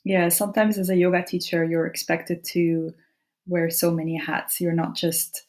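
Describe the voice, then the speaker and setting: A woman hosting a podcast and interviewing a guest, friendly and quick to agree. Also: fairly low pitch, flat delivery, darkish tone. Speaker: podcast host.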